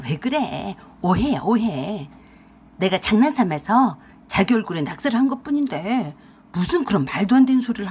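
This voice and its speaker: A woman voicing a young husband who blusters and defends himself loudly in a radio drama. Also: medium pitch, slightly rough. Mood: wheedling. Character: angry young husband caught out, blustering man.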